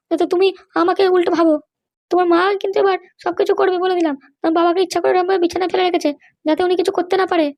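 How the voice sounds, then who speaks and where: A woman's voice: very high-pitched, a little mellow. A woman voicing a put-upon young wife in a cartoon, pleading and protesting her innocence. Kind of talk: cartoon voice acting.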